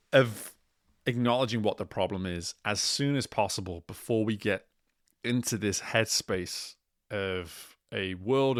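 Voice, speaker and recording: A man speaking as a coach and host in a motivational monologue, deliberate and emphatic, repeating key phrases. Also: medium pitch, fairly bright tone, no room sound, clean studio sound.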